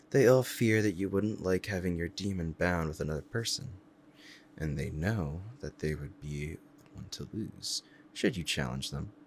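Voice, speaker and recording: Speaking at an extremely low pitch over slight background noise, a man plays a powerful, proud demon devoted to his master in an ASMR roleplay drama. His delivery is formal, courtly and menacing.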